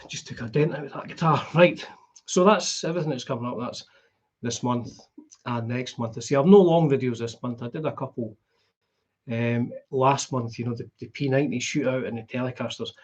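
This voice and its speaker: Husky middle-aged man, broad Scottish accent. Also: mid-range voice, a little fast. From Scotland. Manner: rambling, conversational. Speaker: guitar vlogger hosting a live stream. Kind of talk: casual chat.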